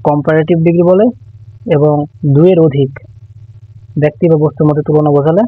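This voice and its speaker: A man with a slightly high voice teaches grammar at a steady, patient pace, repeating each rule and pausing now and then to think. The sound is thin and phone-like, recorded close in a dry room with no echo. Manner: patient, repeats key rules, thinks aloud. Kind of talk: explanatory online lesson.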